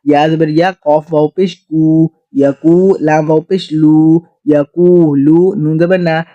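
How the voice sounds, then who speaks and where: Guy teaching quran reading, fast talk then slow stretched recitation, slightly high voice, dull lo-fi sound. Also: little pitch movement. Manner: explains quickly, then recites verses slowly and drawn out. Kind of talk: recitation lesson. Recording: dull lo-fi recording.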